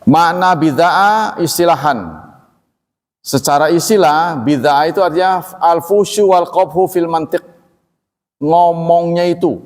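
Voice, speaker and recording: A male Islamic teacher gives a study-circle lecture in a relaxed, chatty way, breaking down Arabic terms and checking with his listeners. His voice sits at an ordinary middle pitch. The recording carries a long, lingering reverb from a large hall. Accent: Indonesian, from Banten region. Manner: conversational, explains Arabic terms, asks audience questions.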